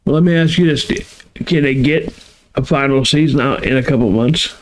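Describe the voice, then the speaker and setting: A drowsy man co-hosting a podcast, talking casually and repeating his points. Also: medium pitch. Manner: drawn-out, repeats himself. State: sleepy, yawning. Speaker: podcast co-host. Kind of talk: casual chat.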